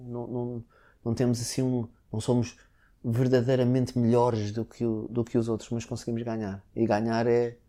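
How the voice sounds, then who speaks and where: A man's voice: mid-range voice, monotone, brisk, dark tone. A man from Portugal speaking European Portuguese, a guest in a casual conversation, who hesitates and restarts often. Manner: hesitant, with many restarts and filler words.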